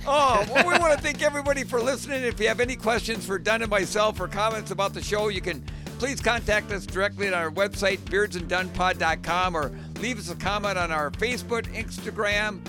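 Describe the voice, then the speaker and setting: A man's voice: sits high, brisk, music in the background. A man co-hosting a podcast, telling the story of his own race in a reflective way and often saying "done". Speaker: podcast co-host, former marathoner. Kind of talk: casual chat.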